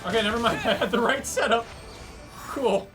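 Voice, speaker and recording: A game streamer with a very high-pitched male voice gives casual commentary on his gameplay at a moderate pace, swearing and muttering wry asides. Loud game music and sound effects play behind him.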